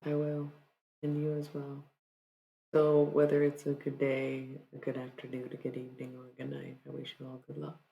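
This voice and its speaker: Woman in her 30s rambling to her stream chat, lots of "like" and "bro", gravelly fry. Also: a bass voice, completely flat delivery, moderate pace, lo-fi sound. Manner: rambling and chatty, full of "like" and "bro". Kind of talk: casual chat to live viewers.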